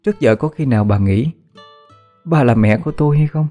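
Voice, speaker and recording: A man's voice: medium pitch, lively intonation, warm tone, soft background music, pitched above the performer's own voice, lightly acted. A man voicing a wronged young daughter who speaks coldly and accusingly to her mother. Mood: bitter. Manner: cold, accusing, slow and clipped. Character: bitter wronged young daughter, cold and resentful.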